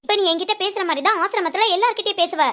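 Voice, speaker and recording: Woman voicing nosy ashram friend, chatty, teasing, high-pitched. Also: very fast, a bit bright. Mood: scolding. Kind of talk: audio story dialogue.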